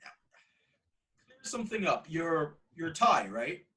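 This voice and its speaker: An American man chats casually as an interviewer. His voice is bright and fairly high, picked up from slightly far off the microphone. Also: sing-song, takes it slowly. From United States.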